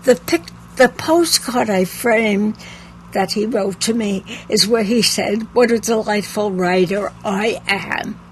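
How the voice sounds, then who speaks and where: A woman's voice: medium pitch, slow pace, slight background noise, rough recording. An older woman who owns a bookshop, chatting in an interview and telling anecdotes with a laugh. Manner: chatty, anecdotal, laughs at her own stories. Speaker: bookshop owner. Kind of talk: casual interview storytelling.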